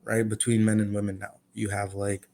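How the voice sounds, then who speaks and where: A man's voice: lowish voice, little pitch movement, a little fast, mellow. A man with a Toronto accent explaining his opinions in a casual panel discussion. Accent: Toronto Canadian.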